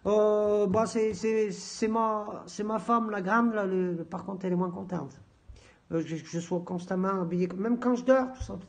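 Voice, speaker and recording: Man, high voice, gravelly, stammering slangy rambling, comic video message. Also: steady tone, a little slow. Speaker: comedic rapper persona.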